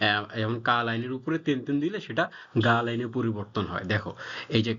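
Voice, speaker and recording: A man's voice: mid-range voice, brisk, sharp tone. A man teaching a casual language lesson, informal and repetitive, with frequent fillers. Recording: slightly dull lo-fi audio.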